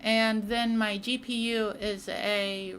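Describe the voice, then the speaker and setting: A woman's voice: medium pitch, little pitch movement, takes it slowly, background noise. Chatty woman streaming a racing sim. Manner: chatty, reads and answers chat mid-race. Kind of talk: casual live-stream chat while racing.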